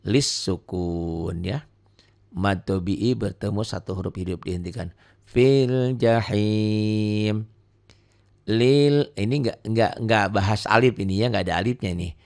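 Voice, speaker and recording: A man teaching Quran reading in a casual lesson, drawing out example words slowly between quicker explanations. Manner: often trails off soft and low at ends of phrases.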